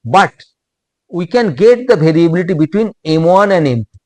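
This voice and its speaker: A man with an Indian English accent giving a technical lecture, speaking in short halting phrases and repeating himself. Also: high-pitched, animated, a little mellow, no echo.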